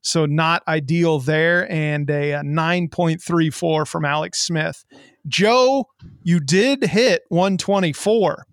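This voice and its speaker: A man with a fairly high voice hosts a fantasy sports show. He talks in brash, boastful showman patter and banters freely. The sound is dry, with hardly any room in it. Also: no room sound. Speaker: podcast host.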